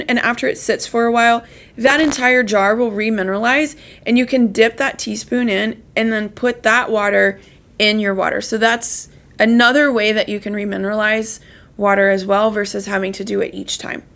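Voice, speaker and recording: Woman, higher voice, gravelly fry, earnest casual advice, host. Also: a bit bright. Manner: chatty, earnest, frequent "right?" asides. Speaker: holistic chiropractor and pet health coach, show host.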